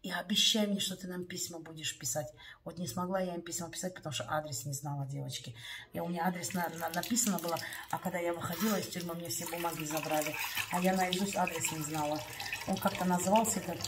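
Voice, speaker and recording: A woman vlogger tells a story to her viewers in a confiding, chatty manner and keeps calling them "girls". Her voice sits on the low side, and she is caught from some distance off the mic. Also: fairly even intonation, quick pace.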